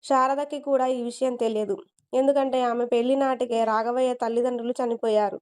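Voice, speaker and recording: A woman reading a story aloud in a steady, expressive narrating style. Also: on the high side, brisk, clean tone.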